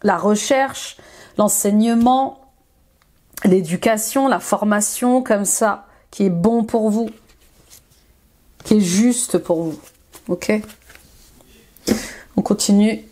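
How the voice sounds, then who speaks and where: A woman's voice: mid-range voice, takes it slowly, pauses often, warm tone. A woman life coach reading tarot cards for her viewers, encouraging and repeating affirmations, with frequent fillers and bursts of enthusiasm. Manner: enthusiastic, exclaims often.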